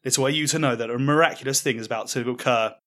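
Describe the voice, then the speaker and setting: A man telling a mocking comic story in the second person, with deadpan delivery. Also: medium pitch, racing. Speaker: podcast storyteller.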